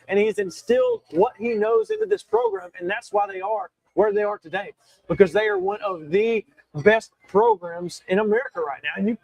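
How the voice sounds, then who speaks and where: A young man hosts a solo sports talk show, speaking emphatically with frequent restarts and self-corrections while he has the hiccups. His very high voice is creaky with a darkish tone, and the recording quality is low.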